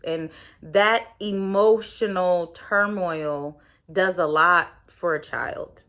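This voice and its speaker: A woman's voice: on the low side, sharp tone. A woman in her thirties, a podcast host, telling a personal story in a candid, reflective way, with many fillers.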